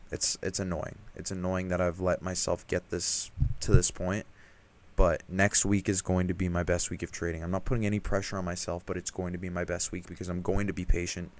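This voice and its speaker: Young male vlogger, very low voice, frustrated self-critical rant, emphatic and casual. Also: flat delivery, a little fast. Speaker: trading vlogger. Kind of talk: candid self-reflective vlog rant.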